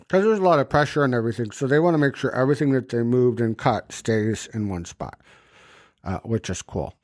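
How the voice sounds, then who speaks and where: Post-surgery swelling in his lip, along with dental splints and a banded jaw, leaves this podcast host's speech impeded and muffled. He's loose and sweary as he casually recounts a personal experience in a mid-pitched voice. The sound is dry and close.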